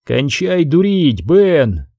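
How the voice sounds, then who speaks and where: A man's voice: fairly high pitch, big pitch swings, extremely slow, dark tone, husky, no room sound, exaggerated voice. A man voicing a stern young male leader who gives firm, threatening commands. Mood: commanding.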